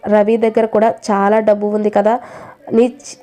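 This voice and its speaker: A reproachful middle-aged mother scolding her grown son, as a woman storyteller reads her lines. The voice is mellow and dark, held at a mid pitch with little rise and fall. She sounds hurt and stern at once, like a storybook parent. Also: monotone, normal speed, a little hiss or hum, lightly acted.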